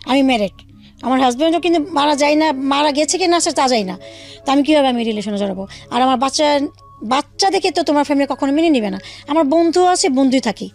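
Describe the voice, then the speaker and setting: Faint music plays behind a woman whose voice sits high and has a darkish tone as she talks fast. A guest on a radio interview, she recounts her life in detail, voicing past exchanges as quoted dialogue.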